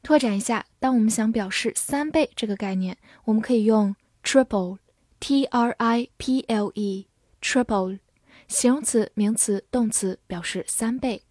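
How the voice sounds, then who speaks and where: Woman, Mandarin-speaking English teacher, slow and deliberate, spells words out, fairly high voice, dry close sound. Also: darkish tone, no room sound. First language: Mandarin Chinese. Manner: spells words letter by letter and reads example sentences slowly. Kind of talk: scripted vocabulary lesson.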